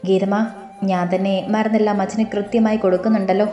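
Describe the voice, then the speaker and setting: A woman voicing a calm, quietly confident young man who plays the protective big brother in an audio story. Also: medium pitch, fast, natural voice. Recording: roomy with faint music.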